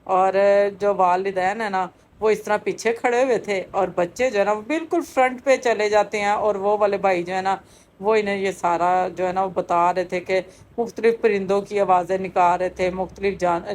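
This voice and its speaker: A chatty woman, in her middle years, narrates a casual vlog. She talks at mid pitch and leans on fillers as she goes. Faint noise sits behind her voice. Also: a little mellow. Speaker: vlogger.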